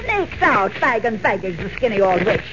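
A woman's voice: medium pitch, very animated, normal speed, lightly acted. An actress playing a gossipy, nosy older landlady with an Irish accent in a 1940s radio serial, blunt and folksy. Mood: grumbling gossip. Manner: folksy, blunt, chatty grumbling. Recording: muffled, noisy old radio recording.

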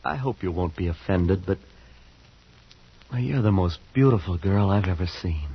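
A man's voice: sits low, expressive, moderate pace, husky, full character voice. An actor playing a wide-eyed young man from a small town who tells his own story in an earnest, awed, shy way, in an old radio drama. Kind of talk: 1940s radio acting with first-person narration. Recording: muffled old radio recording with music behind.

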